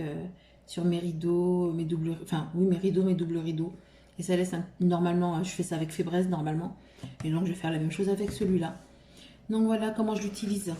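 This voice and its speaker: Mellow-voiced woman chatting in a roomy echo. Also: fairly low pitch, slight background noise. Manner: hesitant, full of fillers and restarts. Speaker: vlogger showing shopping haul. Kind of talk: casual haul vlog chat. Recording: roomy echo, faint room ambience.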